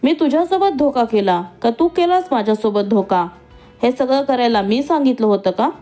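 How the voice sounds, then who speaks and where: A woman's voice: a little high, lively intonation, normal speed, darkish tone, faint music behind, lightly acted. A woman reading an earnest, pleading young man. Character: young man, protective husband and son.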